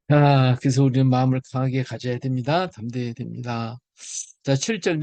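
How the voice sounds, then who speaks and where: A man's voice: on the high side, creaky, a little mellow, dry recording. An older man giving a sermon as a pastor. He reads scripture aloud, acts out dialogue and keeps checking in with his listeners. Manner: conversational preaching, checks with the audience. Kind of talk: sermon Bible study.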